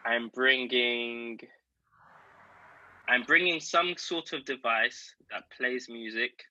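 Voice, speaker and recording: A man with a South London accent talks casually as an interview guest. His voice is very bright and forceful, at a middle pitch, captured close and dry. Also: slow pace, no echo, lo-fi sound. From South London, England. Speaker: podcast guest.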